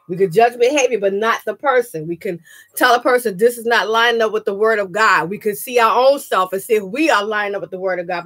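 A woman's voice: medium pitch, fairly bright tone. A woman pastor giving an earnest sermon with frequent amens, her throat slightly scratchy. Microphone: webcam. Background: music.

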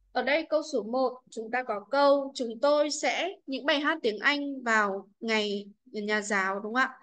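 Woman teacher, vietnamese accent, slow careful delivery, fairly high voice, workbook walkthrough. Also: fairly bright tone, low-quality recording. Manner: slow, reading English words aloud then translating. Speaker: English teacher.

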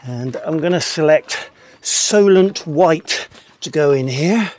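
An older man with a fairly high, darkish voice speaks slowly and casually while working his allotment, explaining each step as he goes. It's a relaxed gardening vlog shot outdoors, picked up by a camera mic on a tripod some distance away.

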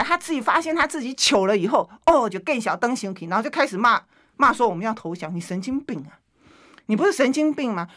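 Indignant high-pitched woman. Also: fairly bright tone. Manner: indignant, emphatic, fires off rhetorical questions. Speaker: legislator guest. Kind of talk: heated political talk-show commentary.

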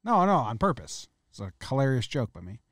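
A comedy history podcast co-host chats jokily and self-deprecatingly, reading his notes aloud. His mid-range voice is very animated and brisk, recorded at studio quality with no echo.

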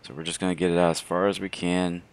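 A man with a slightly hoarse voice giving casual, unhurried, low-voiced commentary as host of a gaming video. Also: level tone. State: hoarse from throat trouble.

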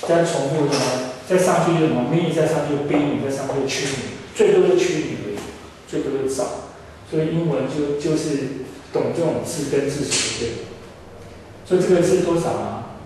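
A Taiwanese-accented man in his forties runs a lecture, constantly quizzing the class and answering himself. His voice sits a bit high and sounds distant, with long reverb from a large room and faint hiss behind. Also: a little fast, darkish tone. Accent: Taiwanese Mandarin. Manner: quizzing, repetitive, explanatory. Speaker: English teacher. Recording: echoey hall recording from far off.

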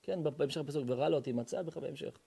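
A rabbi preaching with fervor, his voice sitting a little high for a man. He drops to near-whispers, then rises to loud, drawn-out chanting of verses. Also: vocal fry, breathy edge. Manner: impassioned, swings from hushed to loud, chants verses. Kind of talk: sermon.

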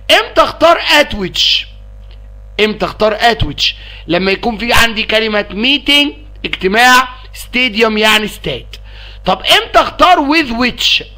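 A man with an Egyptian Arabic accent teaching English grammar in a recorded lesson, energetic and coaxing, often checking whether students follow. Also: high-pitched.

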